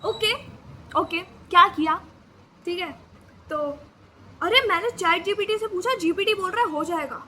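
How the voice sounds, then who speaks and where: A woman's voice: extremely high pitch, unhurried, pauses often, pushed and bright, a little hiss or hum. A young woman vlogger telling a panicked personal story in casual chat, acting out her own lines dramatically. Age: young adult. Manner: dramatic, re-enacts panicked dialogue. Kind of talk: storytelling vlog.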